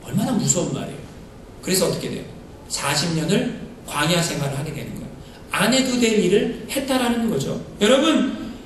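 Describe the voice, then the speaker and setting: High-voiced, lively male preacher in an echoey church. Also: distant mic, slight background noise. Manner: animated preaching with rhetorical questions to the congregation; bursts into loud emphatic peaks. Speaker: pastor. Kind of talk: sermon. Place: church sanctuary. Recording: echoey hall, mic from afar.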